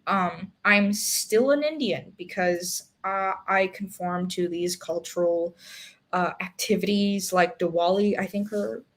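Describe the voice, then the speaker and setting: A woman's voice: medium pitch, unhurried. Chatty young woman musing over book questions. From Singapore. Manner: thinking aloud with many fillers and restarts. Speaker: book club host. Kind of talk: casual book discussion.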